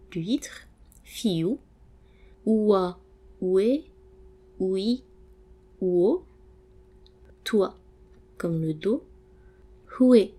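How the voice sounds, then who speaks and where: A woman's voice: medium pitch, warm tone. A woman giving a casual language lesson, reading out word lists and glossing each item, friendly and encouraging, with frequent fillers. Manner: reads word lists with French glosses, pausing between items. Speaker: language teacher.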